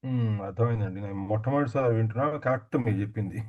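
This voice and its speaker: A man's voice: fairly low pitch, racing, phone-quality sound. A man, a student in the class, eagerly agreeing and mixing English words into his speech. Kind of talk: casual chat.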